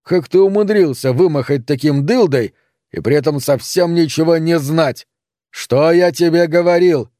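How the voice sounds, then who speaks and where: Роль: разъярённый старый отец-фермер, лающий и презрительный, озвучивает мужчина; голос мягкий, запись сухая. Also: male voice, a little high, moderate pace, dark tone, no room sound, clean studio sound, pitched above the performer's own voice, lightly acted. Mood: furious. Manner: barking, scornful. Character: furious old male farmer father, gruff.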